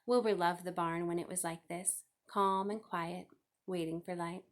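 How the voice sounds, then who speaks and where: A woman's voice: fairly low pitch, steady tone, moderate pace. A woman reading a children's novel aloud as scripted narration. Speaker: storybook reader.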